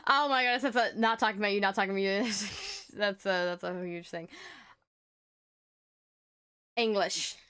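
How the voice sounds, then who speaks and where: A woman streamer chatting casually, rambling and stuttering nervously through an animated rant. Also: mid-range voice, moderate pace, pauses often, smooth.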